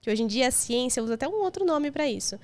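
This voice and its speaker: A young Brazilian woman with a Brazilian Portuguese accent, a podcast guest telling personal stories in an emotional, lively way. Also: high-pitched, fast. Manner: emotional, lively storytelling with quoted voices. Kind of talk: casual chat.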